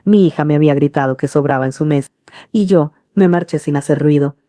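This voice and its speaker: Middle-aged lady narrating a story, low dark voice, calm and earnest, dry sound. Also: brisk, no echo. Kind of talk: scripted first-person narration.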